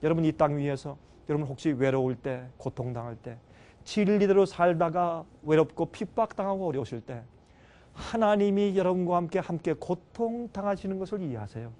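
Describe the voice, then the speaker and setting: A middle-aged male pastor delivering a sermon. His voice sits high for a man, and he moves from loud bursts to hushed asides. He speaks directly to the congregation as he tells the story. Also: animated, moderate pace. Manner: swings between loud exclamations and quiet, low asides; emotional storytelling, addresses listeners directly. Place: church seminar hall.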